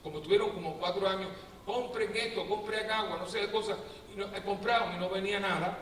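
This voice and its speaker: Priest, high-pitched and lively, preaching in a big echoey hall, mic far off. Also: male voice, fast talker. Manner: animated storyteller, acts out quotes with humor. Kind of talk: lively preaching talk to a prayer group. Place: parish prayer assembly hall. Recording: echoey hall, distant mic, faint noise.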